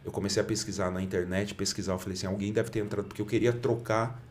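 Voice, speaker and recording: A middle-aged man with a very low, deep voice tells an earnest testimony as a podcast guest. He acts out the lines he quotes as he speaks. A faint hum of room ambience sits behind him. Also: fairly even intonation, rapid-fire. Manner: earnest storyteller, often acts out quoted dialogue. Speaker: pastor and guest.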